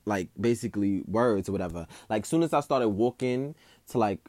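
A young man casually telling a personal story, animated and slangy, full of fillers and acted self-talk. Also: lowish voice, normal speed, no echo.

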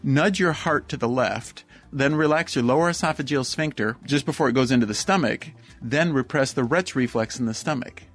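Mid-pitched man explaining step by step. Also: moderate pace, fairly bright tone. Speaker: professional sword swallower, interviewee. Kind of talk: step-by-step explanation in interview clip.

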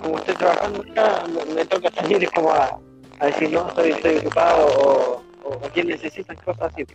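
A man from southern Chile, chatting casually and hesitantly on a video call from outdoors, his voice coming through a choppy, robotic, echoey low-quality internet stream. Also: fairly quick, creaky, music in the background. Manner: hesitant, repeats words. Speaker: nursing student on an online call. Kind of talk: casual group chat. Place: outdoors outside an emergency department.

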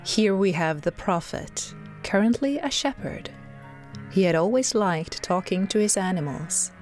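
A woman's voice: mid-range voice, animated, unhurried, close to an everyday voice. Woman doing bossy voice of god narrator for an audio drama, disembodied, coaxing, bit of music under it. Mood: storytelling. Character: disembodied female voice of God, commanding narrator of prophets.

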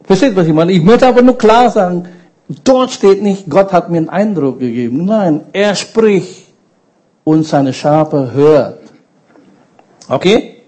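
Slow, emphatic preacher man. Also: sits high, animated, dark tone, poor audio. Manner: slow, emphatic, engages the congregation with questions. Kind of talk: sermon.

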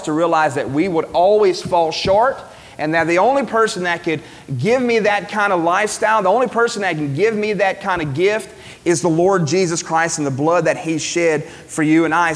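A man's voice: high voice, big-room sound. A man preaching a Sunday sermon to a congregation gathered in a cafeteria, speaking earnestly and conversationally, with occasional fillers. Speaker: pastor. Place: cafeteria used for church.

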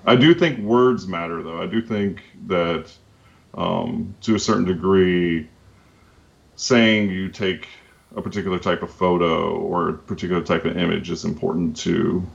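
Low gravelly guy on a podcast, lots of ums, kinda dull audio. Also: steady tone, measured pace. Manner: rambling, many fillers and restarts. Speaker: guest photographer. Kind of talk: casual podcast talk.

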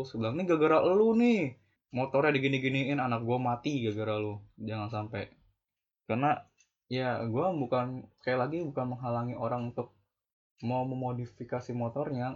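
Young guy w lecturing, swears a lot, kinda muffled lo-fi audio. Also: mid-range voice. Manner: preachy, scolding, heavy slang and swearing. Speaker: vlogger. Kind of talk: ranting monologue.

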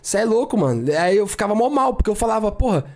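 Fast-talking young man telling a story. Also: high voice. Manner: slangy, animated, repeats filler words. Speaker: podcast co-host. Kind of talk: casual storytelling.

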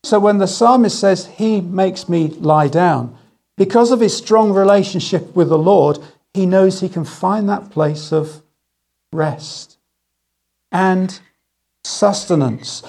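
A middle-aged man preaching a sermon, telling stories with gentle humour and slowing down on key phrases. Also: sits high, vocal fry. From England. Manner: storytelling with gentle humour, slow emphatic phrases. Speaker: guest speaker.

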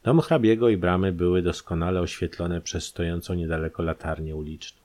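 A man reading a detective story aloud as an audiobook narrator, steady and measured. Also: low-pitched. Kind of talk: scripted narration.

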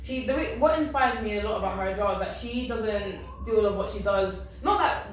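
A woman's voice: mid-range voice, brisk. A woman in her twenties with a South London accent, telling personal stories in a casual, chatty, informal way as an interview guest. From South London, England. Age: 20s. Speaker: interview guest, radio station DJ. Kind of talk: casual chat, personal storytelling. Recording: echoey room, distant mic, faint noise.

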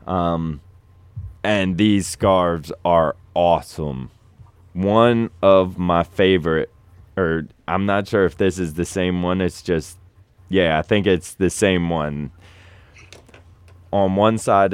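A man with a very low, unhurried voice hosts a casual sports chat. His delivery is relaxed and rambling, and his sound is clean and resonant in a dry, close space. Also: clear, resonant tone, dry recording. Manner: relaxed, rambling, trails off and restarts. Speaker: show host.

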